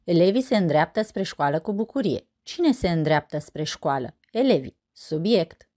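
A Romanian-accented woman reading a scripted grammar lesson, asking and answering her own questions in a clear, measured way. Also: on the low side, expressive, dark tone. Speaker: teacher presenting a grammar lesson.

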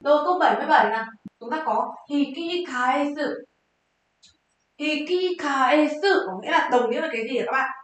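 A high-voiced woman teaches Japanese exam vocabulary. She quizzes her viewers and answers her own questions in a lively, chatty way. Her voice rings out in a strongly echoing room. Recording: very echoey room.

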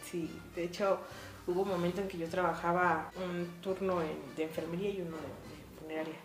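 A woman's voice: fairly low pitch, fairly quick, reverberant, music in the background. A woman in her forties with a Mexico City Spanish accent, a funeral director telling her story in a casual interview, full of fillers. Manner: lively storytelling with frequent fillers. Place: small art-filled room indoors.

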